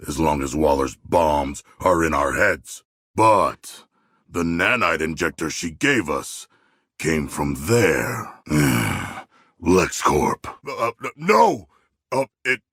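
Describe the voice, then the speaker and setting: An actor playing a huge, proud but earnest and anxious shark demigod in a video game, speaking in formal, stilted, literal-minded phrases. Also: male voice, sits low, very animated, slow pace, gravelly, fairly bright tone, slightly rough, no echo, clean studio sound, exaggerated voice. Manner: formal, stilted, solemn phrasing with few contractions. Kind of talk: video game character dialogue.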